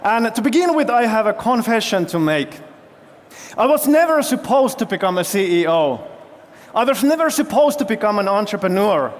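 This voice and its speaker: A man tells his story on a big festival stage, pausing to ask the crowd to raise their hands. His voice sits rather high for a man. Long reverb from the hall trails after him. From Finland. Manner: engaging, quizzes the audience with show-of-hands questions. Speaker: CEO giving a keynote.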